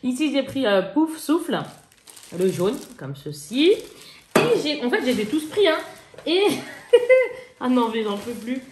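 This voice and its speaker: A woman's voice: high voice, big pitch swings, unhurried, darkish tone, slight background noise. A young woman in casual chat with her viewers, showing off things she bought. She talks in a slangy, chatty way and laughs often. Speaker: haul vlogger. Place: indoors at home. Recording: echoey room.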